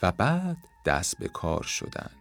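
A man calmly narrating a children's story in a measured reading voice. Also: deep voice, creaky, no echo.

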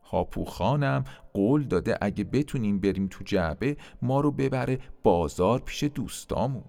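A man's voice: fairly low pitch, lively intonation, gravelly, warm tone, faint music behind. A man voicing a kind apple in a storybook tale, friendly and reassuring. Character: kind helpful apple fruit.

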